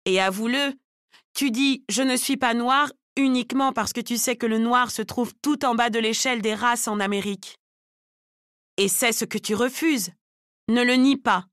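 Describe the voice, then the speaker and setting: Woman reading a novel, measured and steady. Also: a little high, no room sound, clean studio sound. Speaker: audiobook narrator. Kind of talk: scripted narration of a novel.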